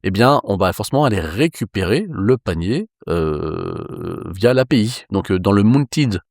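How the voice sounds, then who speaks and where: A man from France teaching a coding lesson in a relaxed, reassuring way with casual fillers. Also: fairly low pitch, unhurried, no room sound, clean studio sound. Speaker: programming instructor.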